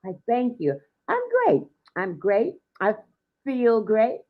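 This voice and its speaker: A woman's voice: on the high side, big pitch swings, slow. Chatty woman radio host on a live stream, voice jumps all over, laughs a lot, muffled lo-fi sound. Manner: bubbly, laughs often, chatty. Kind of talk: casual live-stream interview chat. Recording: dull lo-fi stream audio.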